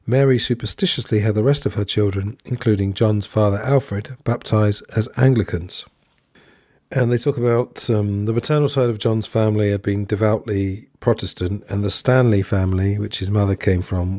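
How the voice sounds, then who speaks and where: A man's voice: lowish voice, warm tone, no echo, studio quality. A man hosting a podcast, chatting to listeners and reading passages aloud from a book. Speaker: podcast host.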